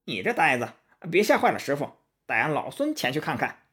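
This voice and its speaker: A man voicing a cocky, loyal monkey king hero in a raised, lively storybook voice. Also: fairly quick. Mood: scornful. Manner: brash and excitable, high-pitched.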